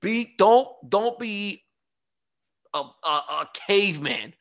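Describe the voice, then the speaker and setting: A man hosting his own podcast, talking casually in an animated, ranting, self-mocking way. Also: sits high, takes it slowly, no echo. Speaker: podcast host. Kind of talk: casual solo monologue. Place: home studio.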